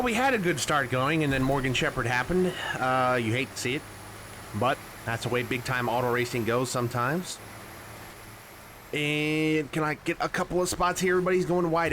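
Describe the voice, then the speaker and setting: A man hosting a gaming channel, giving sarcastic, excitable play-by-play of a racing game with bursts of mock outrage. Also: medium pitch, noisy background.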